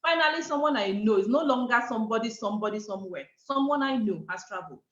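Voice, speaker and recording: A middle-aged Nigerian woman with a Nigerian accent tells her story as a guest speaker, speaking quickly in a voice on the high side. She is animated and acts out the quoted dialogue, while the online call audio sounds echoey and dull.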